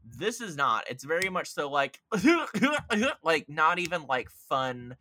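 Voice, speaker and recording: This film-critic podcast guest talks slowly in a fairly high, pushed, bright voice with big pitch swings. In a casual chat about films, he's emphatic and opinionated, with sarcastic digs and occasional swearing.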